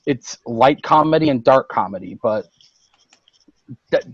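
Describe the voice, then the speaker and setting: A man's voice: medium pitch, measured pace, breathy edge, dry recording, highs cut off. Man passionately retelling comic plots. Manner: animated storytelling, recounting plots in detail. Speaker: podcast co-host. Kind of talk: casual roundtable chat.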